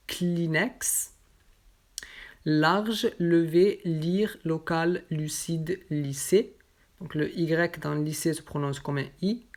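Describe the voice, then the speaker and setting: A woman teaching French pronunciation, saying example words one at a time with careful, deliberate articulation. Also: deep voice. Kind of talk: slow pronunciation lesson.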